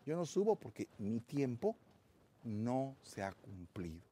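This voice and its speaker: A man's voice: mid-range voice, sing-song, slow, dark tone, breathy edge. A man preaching a sermon as a pastor, calling his listeners brother and building up emphasis.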